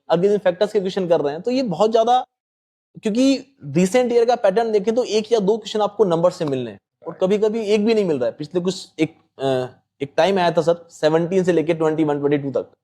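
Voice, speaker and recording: A man's voice: high-pitched, fast talker, dark tone. A man explaining maths exam strategy patiently, politely addressing the host as sir. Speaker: quant teacher. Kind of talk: explanatory panel talk.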